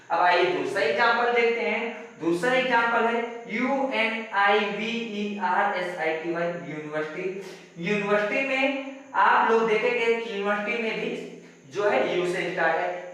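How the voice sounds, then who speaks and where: High, bright-voiced man teaching in an echoey room. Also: distant mic. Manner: explains step by step with rhetorical questions; spells words letter by letter. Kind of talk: classroom-style grammar lesson.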